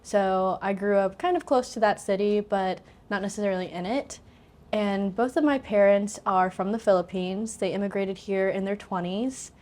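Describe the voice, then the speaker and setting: Twenty-something indiana girl, chatty, says like a lot, mid pitch. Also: normal speed, darkish tone. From southern Indiana, USA. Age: 20s. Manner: chatty, lots of "like", laughs easily. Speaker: pharmacy student and council president. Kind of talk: interview guest, casual chat.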